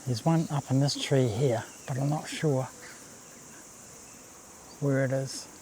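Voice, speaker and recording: A man gives casual, unhurried commentary on a nature walk, outdoors by a babbling creek. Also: medium pitch, a little mellow. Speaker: walking vlog host. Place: outdoors on a bush walkway and swing bridge by a creek. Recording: outdoor ambience, faint insect noise. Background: cicadas, birds, babbling creek.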